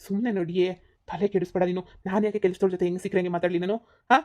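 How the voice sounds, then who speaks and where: A woman voicing a short-tempered middle-aged husband, scolding rapidly in a cartoon comedy. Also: on the low side, flat delivery, warm tone, natural voice. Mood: angry. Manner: scolding, rapid, repeats insults.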